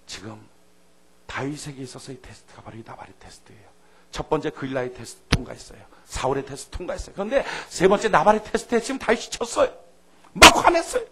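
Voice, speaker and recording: A man preaching a sermon as a pastor, dramatic, swinging from loud outbursts to hushed asides and leading the congregation in call-and-response. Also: on the high side, animated, fast.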